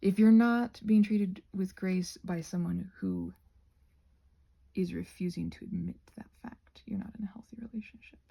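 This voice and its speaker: A woman chats casually in ASMR style as she crafts, thinking out loud and offering gentle reassurance. Her soft, breathy voice sits in the mid range at a normal pace and frequently drops to a whisper.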